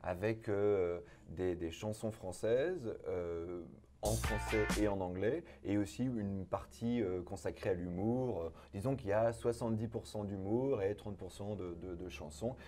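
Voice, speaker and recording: A man, a cabaret performer, guests on a casual interview show. His voice sits a little low, and he talks animatedly, repeating words for emphasis. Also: measured pace, dark tone, soft background music.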